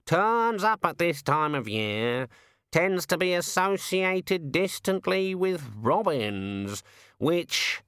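A cocky, chattering raven, as a male narrator puts him on, pitched up well above his own voice and dragging his words out in a slow grumbling drawl. He talks on and on without pause. The sound is dry and close. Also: very animated, fairly bright tone, smooth, dry recording, exaggerated voice. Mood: chatty. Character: cocky talkative male raven, working-class.

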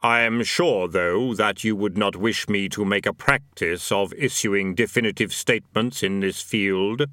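A man voicing Death, a tall skeletal reaper who speaks slowly, gravely and dryly. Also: lowish voice, pushed and bright, no room sound. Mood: solemn, dry. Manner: measured, grave, dry.

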